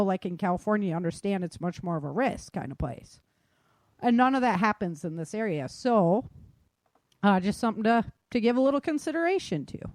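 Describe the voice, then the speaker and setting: Her medium-pitched voice is a little mellow, and the recording has no room sound. She's an American podcast host and author explaining her thinking in a casual discussion, frequently adding "right?" and "you know".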